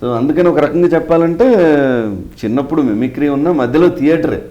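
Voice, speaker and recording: Middle-aged guy in an interview, mellow tone, kinda explains stuff step by step, throws english words in. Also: on the high side, fairly quick, muffled recording. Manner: explanatory, mixes in English phrases. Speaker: mimicry artist guest. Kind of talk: interview answers, storytelling.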